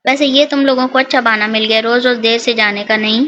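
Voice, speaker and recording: Teasing young brother voiced by a woman, bright level voice, dull audio. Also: on the high side, fairly even intonation, slight background noise.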